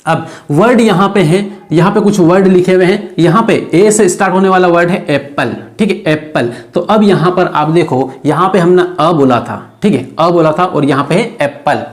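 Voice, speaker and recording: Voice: mid-range voice, moderate pace, hardly any pauses. Patient teacher drilling pronunciation. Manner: patient, drills pronunciation with repeated "okay" checks; asks questions then answers them. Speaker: online exam-prep English teacher. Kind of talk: recorded video lesson.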